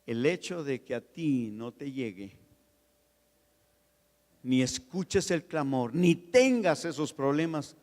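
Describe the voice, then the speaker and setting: A man preaching a sermon as pastor, telling stories with swings from loud, raised passages to soft, chatty asides. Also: mid-range voice, expressive, takes it slowly, pauses often. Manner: storytelling, shifts from loud preaching to soft anecdote. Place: church. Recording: long reverb of a church hall.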